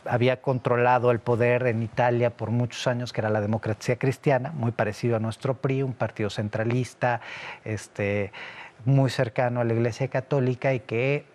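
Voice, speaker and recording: A middle-aged man speaks as a guest in a conversational interview, explaining things patiently at length. He often pauses on fillers and restarts his sentences. His voice sits at an ordinary pitch. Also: little pitch movement, a little mellow. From Italy. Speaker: interview guest, security analyst.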